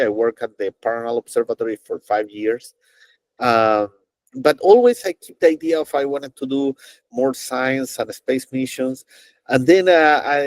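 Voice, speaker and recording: A middle-aged Chilean man, a NASA engineer appearing as a guest, gives conversational interview answers in a medium-pitched, darkish voice. He tells stories haltingly, with many fillers and restarts, and the sound is dry and close with no echo.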